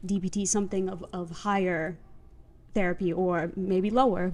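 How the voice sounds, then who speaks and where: Flat-toned woman in casual chat. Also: lowish voice. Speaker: therapy student guest.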